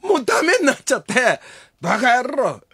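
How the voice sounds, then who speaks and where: A woman with a husky voice hosts a radio talk show, telling an anecdote with wildly animated pitch. She acts out every quote. The sound is dry and close. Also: normal speed, no room sound.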